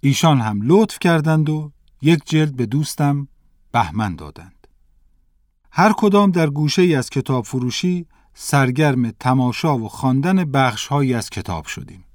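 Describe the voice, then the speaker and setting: A man reads a school textbook lesson aloud as scripted storybook narration. His voice is mid-pitched, and his reading is measured and careful. The sound is dry and close. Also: expressive, no room sound.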